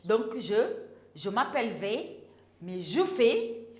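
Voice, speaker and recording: A woman's voice: a little high, sing-song, takes it slowly, darkish tone. A woman teaching a primary class, drawing out and repeating words for young pupils. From Senegal. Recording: echoey classroom.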